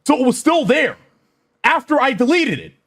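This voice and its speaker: A man's voice: extremely high pitch, very animated, normal speed, fairly bright tone. A man talking casually on a stream, defensive and exasperated, swearing and repeating himself.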